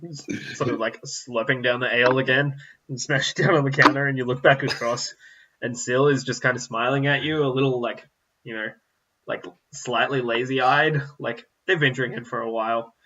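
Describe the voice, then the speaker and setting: A man's voice: medium pitch, fairly even intonation, moderate pace, pushed and bright, lo-fi sound, slight background noise. A man narrating a tabletop game as game master, meandering and full of fillers.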